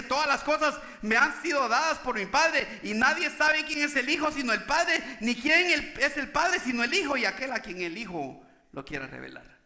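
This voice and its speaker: High, bright-voiced preaching man. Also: roomy sound. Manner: emphatic preaching with repeated "¿sí?" to the congregation. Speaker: pastor. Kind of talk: sermon.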